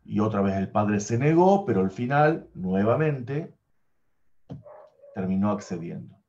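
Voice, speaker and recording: Animated man telling a fairy tale. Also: lowish voice, a little slow. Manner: animated, with tag questions and sound effects. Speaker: storyteller. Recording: dull lo-fi recording.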